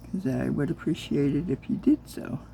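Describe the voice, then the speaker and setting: Woman, hands-on crafter narrating a casual vlog; low, very dark tone, muttering to herself as she works. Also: normal speed, gravelly, slight background noise. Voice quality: soft-spoken, talks low on purpose. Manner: mutters to herself while working with her hands. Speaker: crafter making silicone molds.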